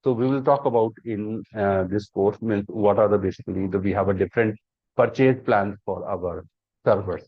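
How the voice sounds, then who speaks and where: This man's lowish voice has a breathy edge and moves at normal speed with no echo. Teaching cloud computing in a live online session, he works through each step, repeating often and asking rhetorical questions. The audio is dull, dry and lo-fi.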